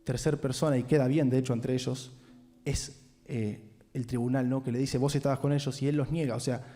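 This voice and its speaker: A man's voice: medium pitch, fairly quick. A man with a Rioplatense Spanish accent preaching a sermon and telling the story with animation, often asking rhetorical questions. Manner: animated storytelling, acts out quotes, frequent rhetorical "¿no?". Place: large church sanctuary. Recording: long hall reverb in church.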